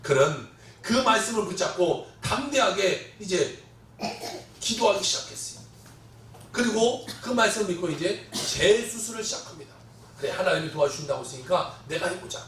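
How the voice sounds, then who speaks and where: A man with a high voice preaches a Sunday sermon, telling a story and acting out its characters, often swinging from quiet asides to loud proclamations. He sounds distant from the microphone, and his words ring through a reverberant church sanctuary. A faint hum of room noise sits underneath. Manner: storytelling, quotes voices with dramatic swings in loudness. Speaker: pastor. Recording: echoey church hall, distant mic.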